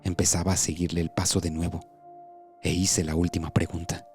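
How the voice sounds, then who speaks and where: A man narrating a scripted horror story as a doctor, in a slow, measured, hushed delivery. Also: low voice, flat delivery. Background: background music.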